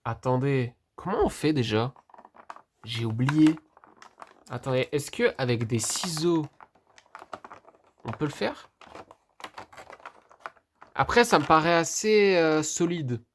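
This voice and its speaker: Slow, hesitant unboxing vlogger. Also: mid-range voice, expressive, a little hiss or hum. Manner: hesitant, puzzled, fills pauses with "euh" and "du coup"; talks straight to viewers. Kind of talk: casual unboxing commentary, thinking aloud.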